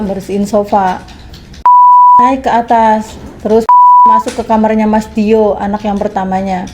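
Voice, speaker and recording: A young woman, a domestic worker, giving testimony in a plain, halting way and quoting the dialogue. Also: medium pitch, warm tone, slight background noise. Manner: plain retelling, quotes dialogue, slow and halting. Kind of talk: personal testimony.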